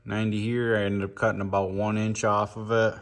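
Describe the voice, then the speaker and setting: In a noisy shop, filmed handheld, a car builder talks viewers through his fabrication work briskly and casually, musing out loud. His pitch is fairly low and barely moves.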